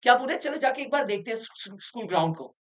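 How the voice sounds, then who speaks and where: A woman teaching an English lesson in Hindi, often asking the students rhetorical questions to check they follow. She reads English sentences slowly, then explains them in Hindi. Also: a little high, lively intonation.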